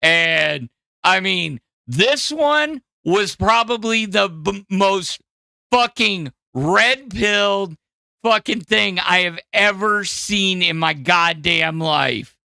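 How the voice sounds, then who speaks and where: Loud, swearing, animated male podcast host. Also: high voice, takes it slowly, vocal fry, no room sound. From Wisconsin. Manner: animated, profane, jumping between loud and mumbled. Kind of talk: casual commentary with cursing. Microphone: studio mic in front of green screen.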